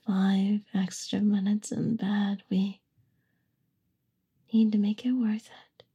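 A woman's voice: medium pitch, level tone, slow pace, warm tone, husky. A young woman whispering an affectionate, soothing ASMR roleplay. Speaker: ASMR performer.

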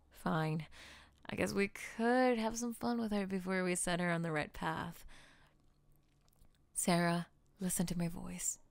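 A woman voicing a low gravelly calm hypnotist heroine. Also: no room sound. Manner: soft, whispery, soothing hypnotic delivery. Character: calm young woman freeing her boyfriend by counter-hypnosis. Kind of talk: audio roleplay.

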